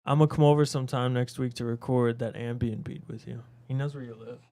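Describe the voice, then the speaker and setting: A man's voice: medium pitch, steady tone, quick pace, dark tone. A man in a casual podcast chat, bantering playfully and calling his friends "bro".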